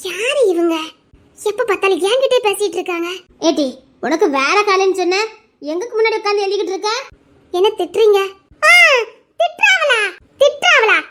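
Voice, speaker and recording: A woman's voice: very high voice, lively intonation, a bit bright, slight background noise. A woman voicing a group of teenage schoolgirls bickering and teasing after an exam in an audio drama. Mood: gossipy. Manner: bickering, teasing, quick back-and-forth.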